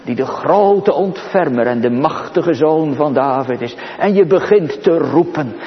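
A man preaching a sermon to his congregation, solemn, rising to exclamations and dropping to hushed pleading. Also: fairly high pitch, animated, a little slow. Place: church. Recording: dull recording with long church reverb.

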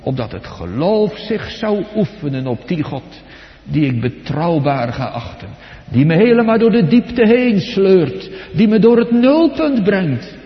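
A man with a high-pitched voice delivers a slow, deliberate sermon, dropping to near whispers and then rising to loud, ringing phrases. He puts questions straight to his listeners. The recording is dull and lo-fi, with a long reverb from a large hall. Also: very animated. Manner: dramatic, swinging between soft and loud; addresses the congregation directly with questions. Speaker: preacher. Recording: echoey hall, dull lo-fi sound.

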